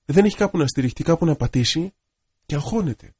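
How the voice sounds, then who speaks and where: A man, an Orthodox priest, giving a radio sermon in a gentle, reflective storytelling manner. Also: on the high side, lively intonation, slightly rough.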